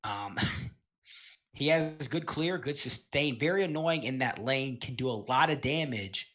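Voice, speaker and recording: A man casually talking through a game tier list, rambling and filling pauses with um and you know. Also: mid-range voice, lively intonation, a bit bright. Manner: laid-back, chuckles between points. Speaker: gaming video host.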